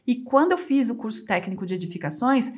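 A woman with a slightly high voice speaks as a podcast guest. She tells her stories in a lively, conversational way and slips into other people's voices when she quotes them. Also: quick pace, slightly rough. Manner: lively storyteller who acts out quoted dialogue. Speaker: civil engineer guest. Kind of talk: casual interview storytelling.

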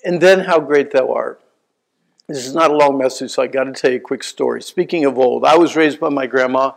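A man in his sixties preaching a sermon, telling stories with animated swings between loud bursts and quiet asides. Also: medium pitch, fairly quick, vocal fry, poor audio. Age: 60s. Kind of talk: sermon storytelling.

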